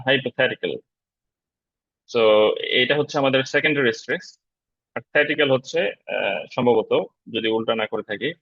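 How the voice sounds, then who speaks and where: A man teaching an online spoken-English class in a relaxed, explanatory way, pausing often on fillers. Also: medium pitch, dry recording, highs cut off. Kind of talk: online lecture on pronunciation. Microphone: video call.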